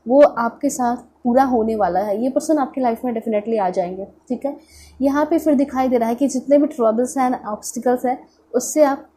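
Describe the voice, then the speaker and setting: A tarot reader with an Indian accent gives an informal reading, her nose pinched and congested from a cold so she sounds nasal. Her voice is a little high, mellow, and husky. She mixes in English words and keeps repeating check-in phrases.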